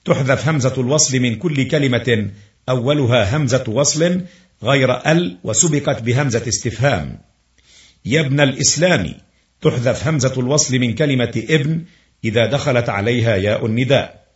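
A man teaching a lesson by reading from a book aloud. He reads slowly and carefully, pausing on fillers. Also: mid-range voice, animated. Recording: roomy, dull lo-fi recording.

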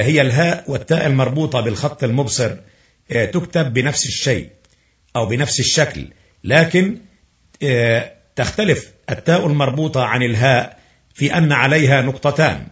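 A man teaching a lesson by reading from a book aloud. He reads slowly and carefully, pausing on fillers. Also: medium pitch. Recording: roomy, dull lo-fi recording.

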